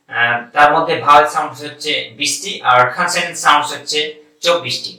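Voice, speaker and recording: A man's voice: on the high side, pushed and bright, recorded from a distance. Bangladeshi man drilling words in an echoey room. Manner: repeats each word slowly several times, then gives its meaning. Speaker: English pronunciation teacher. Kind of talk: online language lesson.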